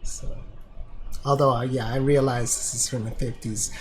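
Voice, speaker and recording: A man's voice: medium pitch, fairly even intonation, moderate pace, darkish tone, slight background noise, poor audio. A man giving casual, hesitant commentary while streaming a video game, rambling with many fillers into a streaming microphone. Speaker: let's play streamer.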